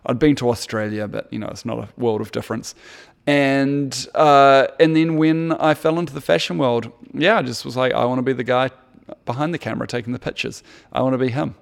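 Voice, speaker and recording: A man with a New Zealand accent, a guest in a casual interview, telling stories about his past in a relaxed, reflective way. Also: medium pitch, brisk, creaky. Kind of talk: casual chat.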